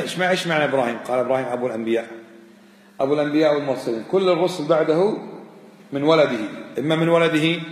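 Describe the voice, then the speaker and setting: A man gives a religious lesson at a quick clip, lively and emphatic, and chants the verses he quotes. His voice sits a little high for a man. It rings through a roomy hall with a long echo trailing behind. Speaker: religious teacher. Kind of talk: religious lesson explaining a text. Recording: echoey hall with long reverb.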